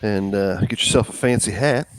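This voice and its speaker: A man's voice: lowish voice, moderate pace, no room sound. A man playing a tabletop game, joking and loose in casual chat. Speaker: player.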